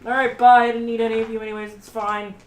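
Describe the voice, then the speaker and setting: A woman's voice: on the high side, flat delivery, quick pace. A woman player in a tabletop game, joking and swearing freely, recorded in a roomy space on a distant mic. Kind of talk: casual chat at a tabletop game.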